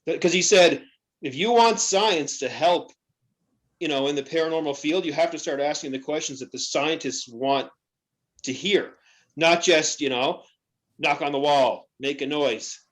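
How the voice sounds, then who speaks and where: Man, podcast host, casual chat, chatty, slightly high pitch. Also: unhurried. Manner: chatty storyteller, many you-know fillers.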